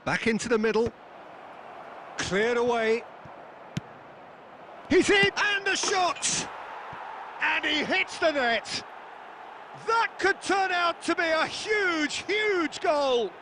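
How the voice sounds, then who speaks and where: An actor playing a football play-by-play commentator in a video game, measured but quick to get excited. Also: male voice, high-pitched, background noise. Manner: measured, rising to excited calls.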